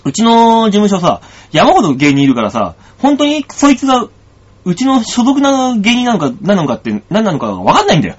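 A man's voice: high voice, a little fast, breathy edge. A man hosting a radio show as a comedian, telling a story in casual chat and acting out the dialogue. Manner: animated storytelling, acts out dialogue. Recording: dull lo-fi sound.

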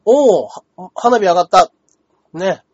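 A man co-hosting a casual comedy chat stream, animated and reading viewer comments aloud. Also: sits high, a little slow, slightly rough. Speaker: radio and stream co-host. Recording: dull lo-fi stream audio.

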